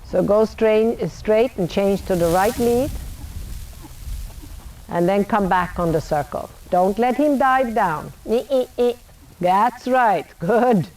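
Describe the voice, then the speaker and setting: A woman coaching a riding lesson, calling out brisk, projected commands in short, blunt, repeated directions. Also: medium pitch, a little mellow. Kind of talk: live horse-riding lesson, calling out instructions. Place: outdoor riding arena. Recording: noisy outdoor ambience.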